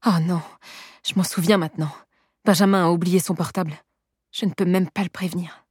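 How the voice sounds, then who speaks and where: A woman's voice: on the low side, steady tone, brisk, darkish tone, husky, dry recording, clean studio sound. A woman reading an anxious young heroine. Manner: alarmed, talking to herself.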